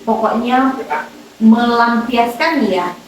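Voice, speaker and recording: A woman school counselor leading a counseling session, gentle and patient, checking back on what she hears with many murmured agreements. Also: fairly high pitch, takes it slowly, recorded from a distance, slight background noise. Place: classroom. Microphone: camera from a distance. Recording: echoey room recorded from afar.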